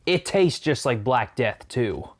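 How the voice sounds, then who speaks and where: A man's voice: medium pitch, expressive, takes it slowly. Man chatting while eating sour candy. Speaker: food challenge vlogger. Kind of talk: casual chat to camera.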